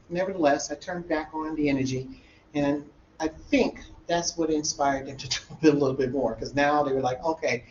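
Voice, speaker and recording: A man who teaches college algebra, telling an animated classroom story in a discussion group and acting out the dialogue. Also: on the high side. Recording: roomy, dull sound with faint room noise.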